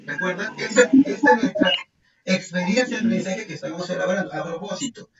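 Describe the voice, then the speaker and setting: A man's voice: high voice, fast. Man teaching a workshop in a roomy hall. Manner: explains step by step, frequent tag questions, reads criteria aloud. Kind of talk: live online workshop instruction. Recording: roomy, distant, dull sound with faint music.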